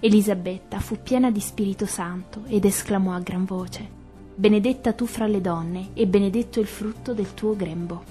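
A woman leading a recited rosary prayer in a soft, even, devotional way. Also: mid-range voice, moderate pace, over music. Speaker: prayer leader.

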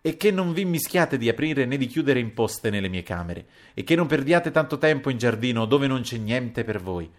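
A man's voice: medium pitch, big pitch swings, normal speed, few pauses, voice pushed up, natural voice. A man reading a novel aloud and voicing a stern, imperious older count who gives curt orders. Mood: commanding. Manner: curt, commanding. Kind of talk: audiobook character voice.

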